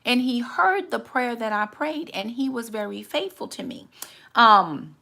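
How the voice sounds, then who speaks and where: A woman's voice: on the high side, animated, measured pace, vocal fry, sharp tone. A woman in her forties hosting a candid, reflective faith talk, earnest and often repeating words as she gathers her thoughts. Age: 40s.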